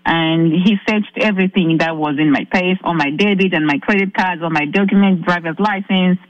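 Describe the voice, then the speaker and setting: Caller woman from Zambia, halting. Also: fairly low pitch, no echo, highs cut off. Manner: earnest, halting, many restarts. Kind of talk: recounting a personal ordeal on a call-in show.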